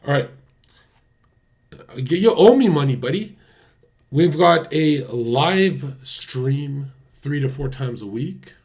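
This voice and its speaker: A man's voice: on the high side, expressive, takes it slowly, long pauses, a little mellow. Guy running a livestream, chatting w his viewers, blunt and cussing a lot. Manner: blunt, swears a lot, talks straight to chat. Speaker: livestream host. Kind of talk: casual livestream chat.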